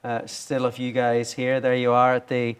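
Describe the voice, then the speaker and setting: A man's voice: medium pitch, monotone, moderate pace, clean tone. A man hosting a studio talk show who asks questions hesitantly, with many uhs and ums. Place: television studio.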